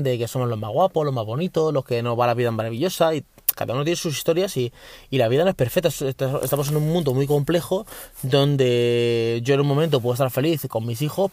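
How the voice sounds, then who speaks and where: A man's voice: medium pitch, a little mellow, no room sound. A man from Spain, hosting a casual podcast from his parked car, rambling with frequent restarts and mild swearing. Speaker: podcast host. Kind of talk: casual chat.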